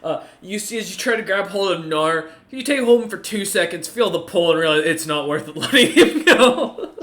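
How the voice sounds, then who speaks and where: A man narrating a tabletop game as game master, improvising in a halting way as he thinks aloud. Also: high voice, animated, a bit bright.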